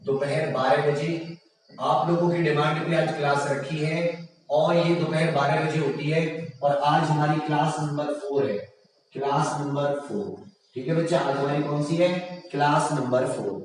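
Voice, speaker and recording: A man teaching a general science class online, reading out quiz options slowly and praising his students often. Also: fairly high pitch, fairly even intonation, very echoey, long reverb tail, far from the mic, rough recording.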